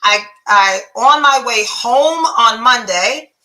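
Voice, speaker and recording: Hosting her own podcast, a woman tells stories in a casual monologue, addressing the listener directly in a blunt, profane, animated way at a slow pace. Her slightly high voice has a bright, forceful edge and a congested, phlegmy throat sound, and the room carries a noticeable echo.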